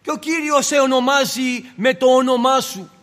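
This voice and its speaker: A man delivers an impassioned sermon in a high-pitched voice. He piles up rhetorical questions and takes on the voices of both the Lord and the believer. His words ring out with a long reverb in a church hall. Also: fairly even intonation, a bit bright. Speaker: preacher.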